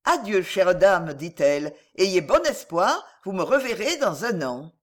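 A woman voicing a wise older fairy woman who speaks sternly and deliberately in a storybook. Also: lowish voice, sing-song. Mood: solemn.

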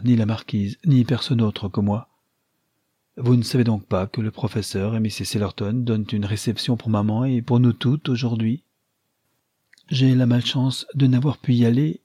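A man's voice: medium pitch, warm tone, husky, no echo, studio quality, lightly acted. A man voicing a chatty, flustered young woman who gushes giddily in an audiobook. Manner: gushing and giddy. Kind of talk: audiobook character voice.

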